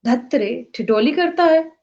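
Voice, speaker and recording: A woman's voice: a little high, slow, warm tone. A woman voicing a meek, pitiful hunchbacked woman who pleads and wails, on a dull lo-fi recording. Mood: shy. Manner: wailing, pleading.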